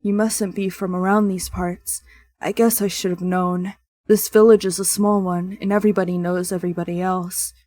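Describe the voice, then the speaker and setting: A woman doing a rough-voiced lonely gravedigger girl. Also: level tone, moderate pace, dark tone, no room sound, studio quality, lightly acted. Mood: wistful. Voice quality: deep, rough country talk.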